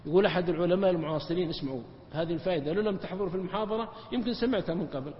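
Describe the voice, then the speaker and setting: A man gives a religious lecture, telling stories emphatically and jumping up in pitch to stress points. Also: very fast, a little hiss or hum. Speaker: preacher. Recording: dull lo-fi recording with long hall reverb.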